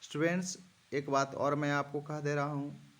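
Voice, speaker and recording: A man teaching Sanskrit grammar, slowly reciting verb forms one after another and speaking directly to his students. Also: fairly high pitch, flat delivery, a bit bright. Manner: slow, measured recitation of lists, addressing students directly. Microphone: phone screen recording.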